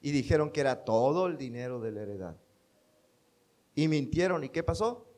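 A man's voice: on the high side, expressive, moderate pace, a little mellow. A man with a Mexican accent preaching a sermon, emphatic and quoting scripture. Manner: emphatic, quotes scripture, acts out quoted speech.

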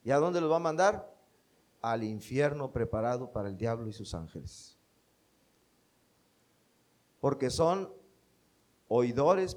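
A man's voice: medium pitch, darkish tone. A man with a Mexican accent preaching a sermon, emphatic and quoting scripture. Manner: emphatic, quotes scripture, acts out quoted speech.

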